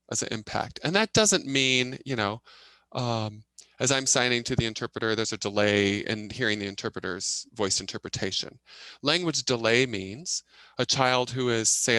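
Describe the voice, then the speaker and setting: A man voicing a deaf presenter's signed talk as a live interpreter, in a halting way with fillers and restarts as he keeps up with the signing. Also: mid-range voice, bright, forceful tone, no echo, low-quality recording. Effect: live interpreter voice, speaking a signer's words as they come.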